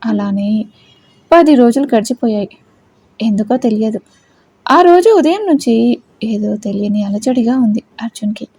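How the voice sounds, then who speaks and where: A woman narrating a dramatic family story in a steady storytelling way. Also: on the high side, normal speed, pauses often, breathy edge, no echo.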